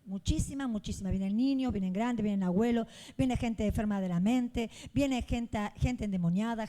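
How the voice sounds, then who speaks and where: High-voiced fervent woman pastor preaching. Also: mellow. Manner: fervent storytelling preacher, acting out the people in her stories. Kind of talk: sermon. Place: church.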